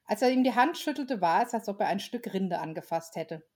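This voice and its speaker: Female storyteller, relaxed read-aloud, mid-range voice, casual slips. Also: medium pitch, brisk, husky. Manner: relaxed, with small slips and restarts. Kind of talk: reading a children's story aloud.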